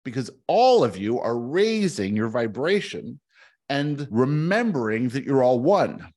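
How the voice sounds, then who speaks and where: A man teaching spiritual ideas in answer to questions, in an oracular manner, with emphatic, repeated phrases in short deliberate clauses. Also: medium pitch, very animated, a little mellow. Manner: oracular, speaking as a collective "we".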